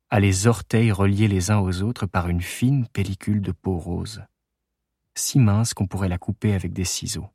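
An audiobook narrator reads a literary novel aloud at a measured, unhurried pace. His voice is lowish and a little mellow, captured dry and close with no room sound around it.

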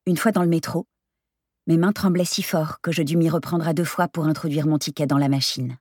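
A woman reading a first-person novel aloud in a steady, expressive storytelling manner. Her voice is low and husky. The recording is close and dry, with no room sound. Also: fairly quick, no room sound. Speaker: narrator. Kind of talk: first-person audiobook narration.

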